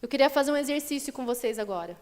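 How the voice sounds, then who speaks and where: High-voiced woman preaching in a reverberant church. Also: racing. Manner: lively, conversational preaching with acted quotes. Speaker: pastor. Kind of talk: sermon. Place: church sanctuary. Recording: long church hall reverb.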